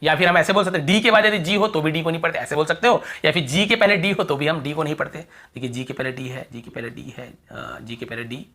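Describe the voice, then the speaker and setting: A man teaching English pronunciation in Hindi to viewers, repeating example words slowly and asking rhetorical questions, often dropping to a quiet voice. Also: on the high side. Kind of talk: explaining pronunciation rules to viewers.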